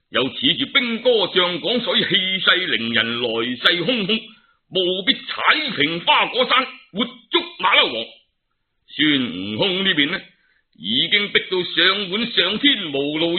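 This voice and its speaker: Animated Cantonese male storyteller, dramatic delivery. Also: high-pitched. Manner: dramatic, theatrical, colloquial, with exclamations. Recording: narrow, tinny phone-like sound.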